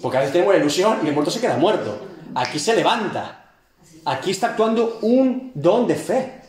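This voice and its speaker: Animated man teaching Bible class. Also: high-pitched, fairly quick, echoey room. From Galicia, Spain. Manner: animated, acts out scenes with rhetorical questions. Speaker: seminary teacher. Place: church classroom.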